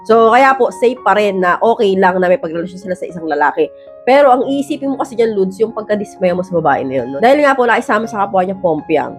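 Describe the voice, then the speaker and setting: A woman hosting an advice vlog in a casual, blunt way. She keeps checking in with tag questions, and her voice has a roughened edge from years of rapping. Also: mid-range voice, lively intonation, soft background music. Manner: rapid, blunt delivery she calls man-like. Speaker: advice vlogger, host. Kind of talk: casual advice talk to viewers.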